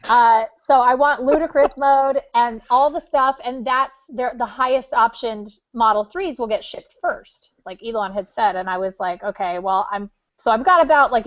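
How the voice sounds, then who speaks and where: A woman from California, co-hosting a podcast, chatting casually with lots of fillers and animated storytelling. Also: on the high side, muffled recording. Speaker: podcast co-host. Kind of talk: casual after-show chat.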